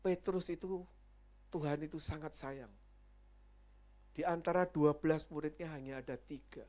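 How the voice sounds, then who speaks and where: A male evangelist preaching a sermon, emphatic, with loud peaks and soft asides to the congregation. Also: on the high side, steady tone, normal speed.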